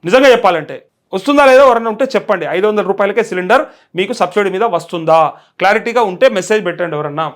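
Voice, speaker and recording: Male live news host, high voice, quick delivery, Telangana accent, challenging conversational commentary. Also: lively intonation. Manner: challenging, rhetorical questioning of viewers. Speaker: journalist hosting a live call show.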